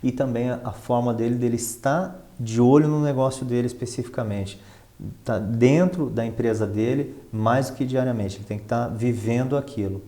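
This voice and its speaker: A Brazilian man, a finance professional and professor, speaks as an expert interview guest in a mid-range, dark voice at normal speed. He explains in a conversational way, stressing ideas through repetition and rhetorical questions.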